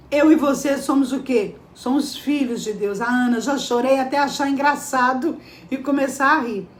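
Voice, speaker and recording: A woman's voice: sits high, roomy sound. A woman giving a devotional sermon, emphatic and full of rhetorical questions to her listeners. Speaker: preacher. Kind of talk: devotional preaching.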